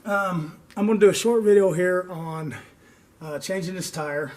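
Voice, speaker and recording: An older man hosting a DIY car repair video gives a casual how-to talk. He sounds breathless, with a slightly high, darkish voice, rambling on at length, pausing for air and ending lines with "okay?".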